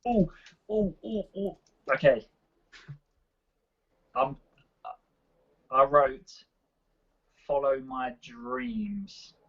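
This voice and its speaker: A man with a husky, breathy voice that leaps all over the place as he giggles through a game. He sounds flustered and nervous, coming through thin, lo-fi call audio. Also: sits high, very animated, drawn-out words, long pauses. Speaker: youth pastor, game player. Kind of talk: casual group chat. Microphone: video call.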